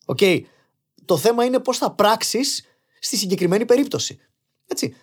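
A young man in casual podcast conversation, arguing his points with animated energy and slipping in English phrases. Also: high-pitched, slightly rough. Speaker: podcast guest.

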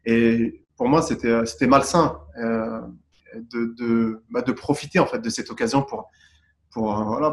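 Thoughtful man from Tunisia, roomy sound. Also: medium pitch. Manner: thoughtful, searching for words. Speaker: guest artist. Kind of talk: interview answers. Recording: roomy echo.

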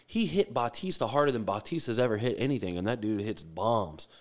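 A man's voice: fairly low pitch, animated, fairly quick. A man ranting about baseball in a heated, profane, swaggering way, swearing freely. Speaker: sports commentator. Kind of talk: profane sports rant.

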